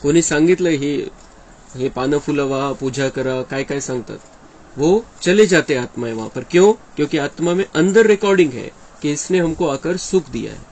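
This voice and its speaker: A man's voice: a little high, lively intonation, normal speed, a little mellow, rough recording. A man giving an earnest devotional discourse, explaining and often quoting his teacher. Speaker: spiritual speaker explaining a daily discourse.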